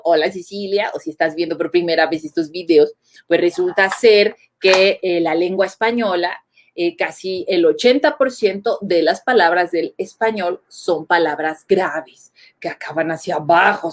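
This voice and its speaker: A woman, giving a casual, playful online grammar lesson and chatting to her viewers as comrades. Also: on the low side. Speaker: spelling and grammar teacher.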